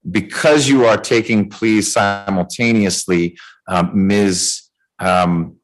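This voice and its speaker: Deep voiced male judge walking folks thru a plea hearing, calm and measured. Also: low-quality recording. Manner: measured, explanatory. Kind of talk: presiding over a remote plea hearing.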